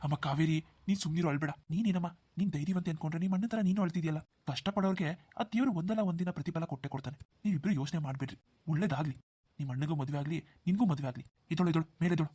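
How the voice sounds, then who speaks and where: A man voicing a well-off, generous young village man in a cartoon, who talks briskly and hushes others' worries. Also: on the high side, breathy edge, dry recording. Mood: reassuring. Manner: brisk, dismissive of worries, hushing. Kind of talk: Kannada cartoon dubbing.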